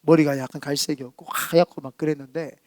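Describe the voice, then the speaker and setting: A man's voice: fairly high pitch, steady tone, fast talker, a little mellow, no echo, studio quality. A man preaching in a church. He tells stories and acts out the voices he quotes. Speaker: senior pastor. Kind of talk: storytelling sermon. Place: church sanctuary.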